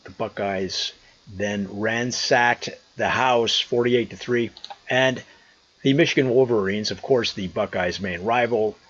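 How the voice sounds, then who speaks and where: A man's voice: lowish voice, measured pace, a bit bright, muffled recording. An American man chatting casually and telling a story to his vlog viewers in an amused, conversational manner, outdoors. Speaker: vlogger. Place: outdoors on a trail.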